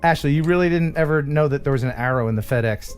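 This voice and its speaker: A man's voice: a little high, quick pace, clear, resonant tone, soft background music. A man hosting a live stream in casual chat, with a joking, teasing manner.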